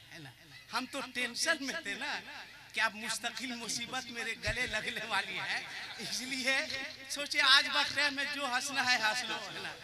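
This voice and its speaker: Male preacher, very high voice, storytelling sermon that rises into shouts over a murmuring crowd. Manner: swings from soft joking storytelling to loud impassioned shouting. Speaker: Islamic preacher. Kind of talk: sermon at a religious gathering. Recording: live gathering with crowd noise.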